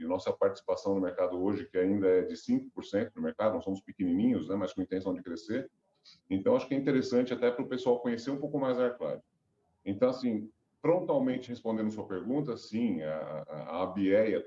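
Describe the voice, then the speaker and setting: Stuffed up and nasal from a cold, a middle-aged man working as a company director wanders through a business interview, constantly restarting and filling pauses. He has a low, mellow voice, and the lo-fi recording is reverberant.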